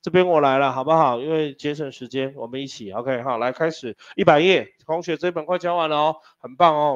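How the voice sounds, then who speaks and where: Joking male teacher. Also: fairly high pitch. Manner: joking, teasing students, spells words out letter by letter. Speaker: English teacher. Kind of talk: classroom lesson. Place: classroom. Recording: dull lo-fi classroom recording.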